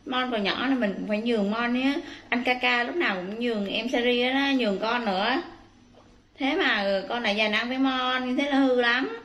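A woman scolds her pet in a bright, forceful voice pitched a little high. She chides like a mother, repeating herself in simple baby talk. The room has a noticeable echo. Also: normal speed. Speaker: pet monkey owner.

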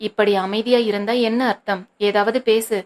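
A woman's voice: mid-range voice, steady tone, moderate pace, slight background noise, close to an everyday voice. A woman reading a novel aloud, voicing an angry, protective older brother who scolds his sister sharply.

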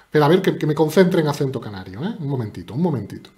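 A man's voice: on the high side, big pitch swings, rapid-fire, a little mellow. A man streaming and commentating his own live chess games in a playful, chatty way, teasing his opponent and talking to his viewers.

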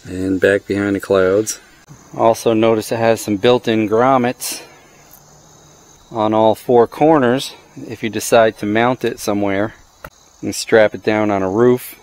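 A middle-aged man with a lowish, darkish voice does a casual hands-on product review outside in a driveway. He thinks out loud and cracks dry jokes, and the footage comes from a body-worn action camera.

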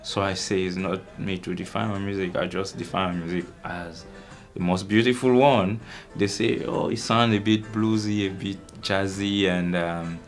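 Deep gravelly man with halting speech. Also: steady tone, faint music behind. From Cameroon. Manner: halting, many fillers and restarts. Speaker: musician guest. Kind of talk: casual interview answers.

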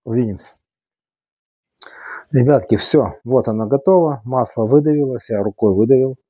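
A man's voice: mid-range voice, moderate pace, mellow, dry recording. A man with an Odesa Russian accent tinged with Yiddish, casually demonstrating cooking in a folksy, repetitive way with affectionate diminutives. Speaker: cooking channel host.

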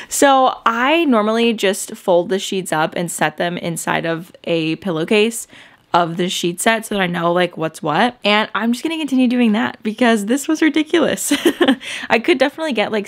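A young adult woman talks her way through a home organizing vlog. Her voice sits at a middle pitch, and her talk is loose and chatty, full of "like" fillers. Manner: chatty, rambling, lots of "like" fillers. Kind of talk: casual chat. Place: at home, indoors.

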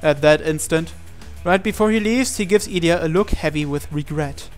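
Reading a visual novel aloud for a let's play, this man narrates the on-screen text in a dramatic way. His voice is a little high and his pace moderate, with music in the background.

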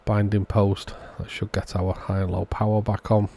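With a very deep, husky voice and a soft, dark tone, a man narrates a hands-on repair like a channel host, explaining each step. His delivery is understated, matter-of-fact and flat, at a moderate pace.

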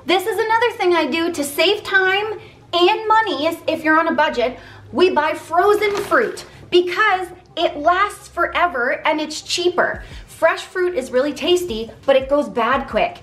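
A woman's voice: very high-pitched, expressive, measured pace, fairly bright tone. Chatty woman cooking in her kitchen. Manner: chatty, upbeat, talks while cooking. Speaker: vlogger sharing meal prep. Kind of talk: casual cooking vlog. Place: home kitchen, indoors. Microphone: handheld camera held close.

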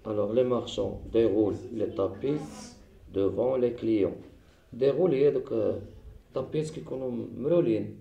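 A man's voice: medium pitch, brisk, vocal fry, roomy sound, lo-fi sound. A man with a Moroccan accent teaching a grammar lesson, explaining in French and Moroccan Arabic and quizzing a child.

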